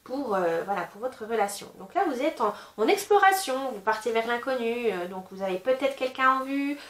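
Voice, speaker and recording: A woman giving a casual tarot reading, chatty and gently advising, with many fillers. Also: a little high, expressive, normal speed, reverberant. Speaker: tarot reader.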